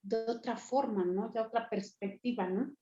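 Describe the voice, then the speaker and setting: A woman's voice: a little high, moderate pace, dark tone, reverberant, lo-fi sound, faint music behind. A woman student in a study class, speaking hesitantly and searching for her words. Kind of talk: class discussion.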